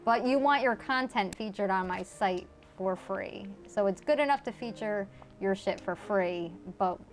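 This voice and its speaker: A woman with a Connecticut accent and a mid-range voice streams a game at a measured pace, soft music playing behind her. She chats casually with viewers, reading and answering their messages and using plenty of filler words.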